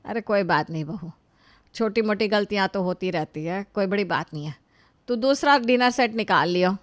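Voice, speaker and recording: A woman voicing a stern older mother-in-law who gives orders and scolds loudly. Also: mid-range voice, expressive, moderate pace, dry recording, close to an everyday voice. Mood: indulgent. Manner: loud, harsh scolding.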